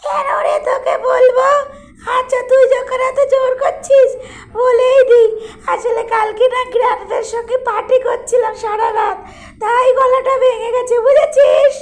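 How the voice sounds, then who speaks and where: A woman voicing a cranky, threatening old granny with a cracked, broken voice, shouting and half-crying her lines in a comic horror game. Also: very high voice, fairly even intonation, moderate pace, voice pushed up. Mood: whiny explaining.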